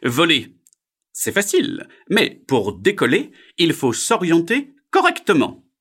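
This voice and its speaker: A man voicing a wise old male heron in a storybook, croaking and speaking knowingly. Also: on the high side, wildly swooping pitch, takes it slowly, fairly bright tone, voice pushed up, heavily acted.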